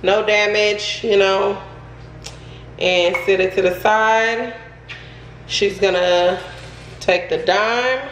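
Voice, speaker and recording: Woman, casual chatty narration, nervous and excitable, home kitchen, phone camera, echoey room. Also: medium pitch, takes it slowly, pauses often. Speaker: vlogger, narrator of the demo. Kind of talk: casual home how-to chat. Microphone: handheld phone camera. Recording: echoey kitchen, faint noise.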